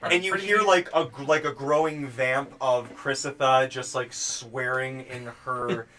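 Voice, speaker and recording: A man's voice: medium pitch, steady tone, measured pace, sharp tone. A man narrating as game master of a tabletop game, chatty and laughing, with spoken sound effects.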